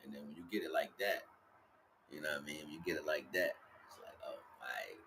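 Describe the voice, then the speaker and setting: Outdoors, a male livestream host gives a loose, casual spiritual talk, repeating himself and often checking that his listeners are following. His voice rumbles low and comes fast, with a bright, forceful tone. There's slight background noise.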